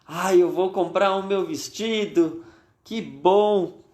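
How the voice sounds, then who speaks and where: A man voicing an excited little girl who longs for a new dress, high and eager. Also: takes it slowly, echoey room.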